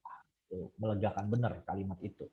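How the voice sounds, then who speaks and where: A man giving a casual, emphatic Bible study lecture online, his voice jumping high to stress points. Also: fairly even intonation, a little fast, echoey room, narrow, tinny audio.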